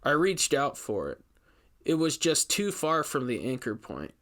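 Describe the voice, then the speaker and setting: A man reading a horror audio story takes the part of a male investigator, telling his own grim ordeal with emphatic, dramatic, measured narration. The mid-pitched voice swings hugely in pitch and sounds a bit bright, keeping things grim and suspenseful.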